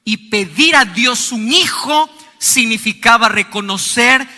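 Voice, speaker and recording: A male pastor preaching a sermon, his voice swinging high and low and sometimes rising to a shout. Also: lively intonation, slow, faint music behind. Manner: preaching with sweeping rises and falls, shouting at times. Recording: long hall reverb.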